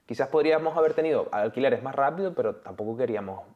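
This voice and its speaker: A young man from Tenerife with a Canarian Spanish accent, talking as an interview guest in a relaxed, chatty way. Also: medium pitch, quick pace, narrow, tinny audio. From Tenerife, Canary Islands. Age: young adult. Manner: relaxed, chatty, peppers speech with "¿sabes?" and "tío". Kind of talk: casual conversational interview.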